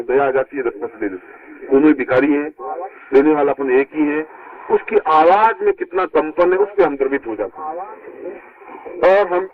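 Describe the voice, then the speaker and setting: A man giving a spiritual discourse to his disciples, heard from an old, worn tape, emphatic and leaping high when he stresses a point. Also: creaky, narrow, tinny audio. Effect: old worn tape recording. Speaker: spiritual teacher.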